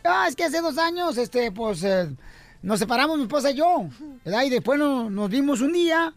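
Man, radio host telling jokes, acts out characters, very lively pitch. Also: moderate pace, dry recording. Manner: animated, acts out joke characters with shifting voices.

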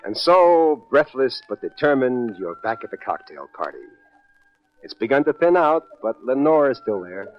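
A man's voice: mid-range voice, very animated, moderate pace, music in the background, close to an everyday voice. An American man acting a wisecracking, easily flustered private detective and ladies' man in an old radio drama. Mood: wry narrating. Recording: dull old radio recording.

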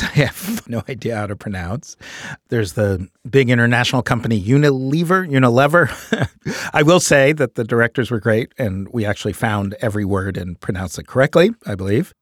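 A middle-aged author with a New York accent speaks in a thoughtful, earnest way, with an easy chuckle now and then. He is recorded close on a studio microphone in a dead, dry booth. His voice sits at an ordinary middle pitch for a man. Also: slightly rough, no room sound. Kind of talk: reflective interview monologue.

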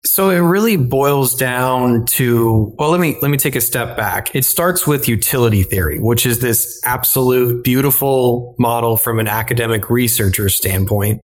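A man's voice: medium pitch, normal speed, hardly any pauses. Man explaining like a professor. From Illinois, United States. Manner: explanatory, teaching with simple examples. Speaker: finance professor, guest. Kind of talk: interview answers.

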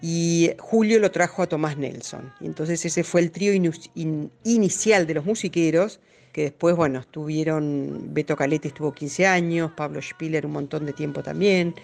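A woman's voice: low voice, moderate pace, vocal fry, a little mellow. Earnest woman musician. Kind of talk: conversational interview answers.

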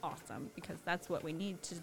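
Encouraging woman chatting over clear background noise. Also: lowish voice, fast talker, a bit bright. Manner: encouraging, supportive. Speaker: co-host of a chat. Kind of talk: casual chat with a friend. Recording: noisy background ambience.

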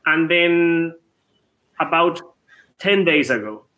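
Bright-voiced Venezuelan man in his thirties. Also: a little high, lively intonation. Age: 30s. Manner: quick, repeats words at starts. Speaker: tennis club co-owner. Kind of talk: casual interview.

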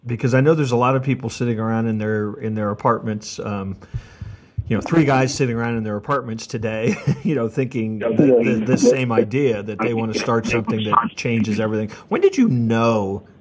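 A man's voice: medium pitch, fairly quick, background noise. A man hosting a podcast interview, chatting casually, laughing often and stumbling over his words. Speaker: podcast host.

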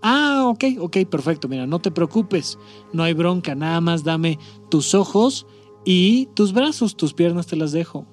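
A man's voice: on the high side, sing-song, measured pace, faint music behind. Man voicing an offhand, blunt God. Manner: casual, matter-of-fact, slangy.

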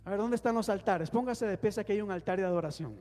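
A pastor with a high, warm voice preaches fast in a church hall, calling the congregation to respond and then leading them in prayer. The recording carries long hall reverb with faint music.

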